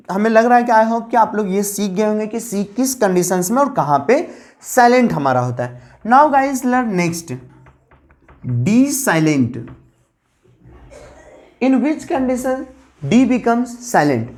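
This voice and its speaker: A woman's voice: on the high side, very animated, slow pace, darkish tone. A woman giving an English spelling lesson, spelling words out letter by letter and often addressing her students as "guys". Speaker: English teacher. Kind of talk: classroom lesson explaining spelling rules.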